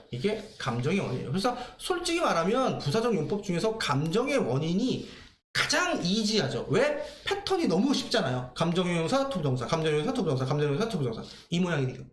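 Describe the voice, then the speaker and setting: A man's voice: sits high, sing-song, fast, echoey room. A man teaching a grammar lesson for exam prep, often asking and answering his own questions.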